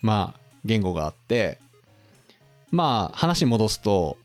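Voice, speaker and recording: A man's voice: on the low side, takes it slowly, dry recording, soft background music. A man hosting a casual podcast, explaining topics to his co-host in a chatty, quizzing manner. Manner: lively, quizzes his co-host, drops into playful impressions.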